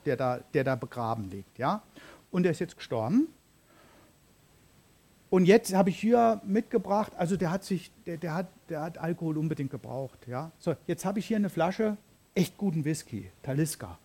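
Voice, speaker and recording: A man's voice: on the high side, darkish tone. A man preaching a sermon in an informal, conversational way, often dropping in fillers and asking his listeners questions. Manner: conversational, frequent "ja" and "ähm" fillers.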